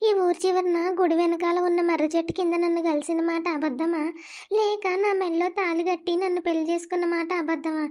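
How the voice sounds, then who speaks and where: Very high-pitched manipulative village girl, wails and taunts, cartoon drama. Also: fairly even intonation, fast talker, darkish tone. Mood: scheming. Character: scheming young village woman Rani. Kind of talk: animated village drama acting.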